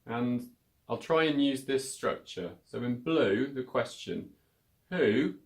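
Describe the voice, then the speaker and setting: Male teacher, patient and slow, repeats words clearly for beginners. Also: mid-range voice. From United Kingdom. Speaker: English teacher. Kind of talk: beginner English lesson.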